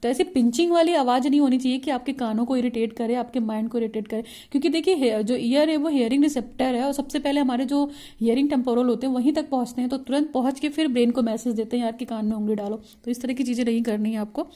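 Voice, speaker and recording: Mellow-voiced woman lecturing. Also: sits high, fast. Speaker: teacher. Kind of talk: online lecture.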